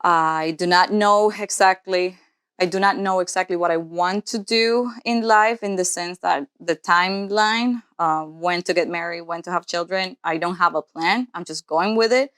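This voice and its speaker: Her fairly low, fairly bright voice is clear and resonant, moving at a moderate pace with no room sound in the clean studio audio. She's a woman in her twenties, born in Cuba, a nurse practitioner co-hosting a podcast who works through her thoughts aloud, earnest and casual.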